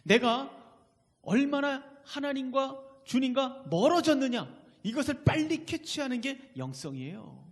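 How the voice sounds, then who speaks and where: In a church sanctuary, a male pastor delivers a sermon with emphasis, frequently posing questions to the congregation. His voice is very high-pitched, swings widely in pitch, and keeps a measured pace. The recording carries the long reverb of a church hall.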